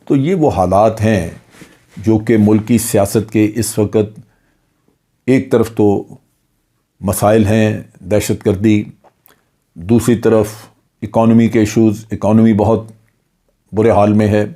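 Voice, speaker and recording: A man's voice: fairly low pitch, steady tone, pauses often, warm tone. An older man, a retired general from Pakistan, delivering an earnest political commentary monologue with rhetorical questions.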